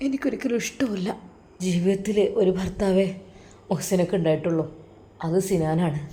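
A woman voicing a heartbroken young woman, an elder sister who talks softly and sorrowfully in a storytelling recording. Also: fairly low pitch, natural voice. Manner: soft, sorrowful, subdued.

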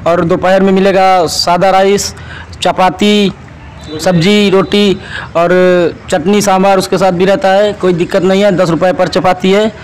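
A young man answering casually in an outdoor canteen, relaxed, listing things one by one. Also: sits high, a little slow, clean tone, rough recording. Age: young adult. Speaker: student being interviewed.

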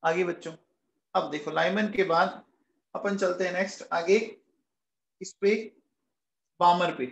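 A man with a fairly high voice teaches a chemistry class at an unhurried pace. He keeps asking his students questions and answering them himself, calling them kids with affection. The sound is roomy and echoey. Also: steady tone, gravelly. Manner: calls students "beta" and "bachche" affectionately. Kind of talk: classroom lecture.

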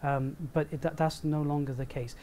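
A man's voice: a little high, fairly even intonation, normal speed, dark tone. Man, panel chair, earnest, faint room hum. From Wales. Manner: earnest, checks in with 'all right?'. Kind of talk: moderating a panel talk. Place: seminar room.

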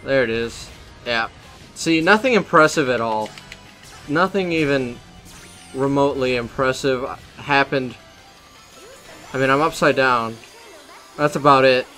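A man's voice: medium pitch, unhurried, pauses often, bright, forceful tone, soft background music. A young man doing let's play commentary, rambling and self-deprecating as he talks over his gameplay. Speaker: gaming commentator.

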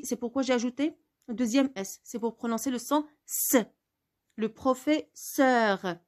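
A woman teaching a spelling lesson, spelling words out letter by letter and asking questions she answers herself. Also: on the high side.

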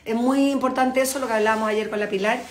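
A woman's voice: a little high, steady tone, quick pace, slight background noise. A woman hosting a live online show, chatting casually and greeting viewers by name from an open-plan home beside a kitchen. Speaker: host. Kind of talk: casual live-stream chat. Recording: echoey room.

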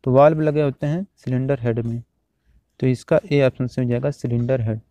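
A man teaching, reading out quiz questions and their options one by one, then repeating each answer in a steady drill. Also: mid-range voice, a little fast, no echo. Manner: steady, repetitive exam-drill delivery.

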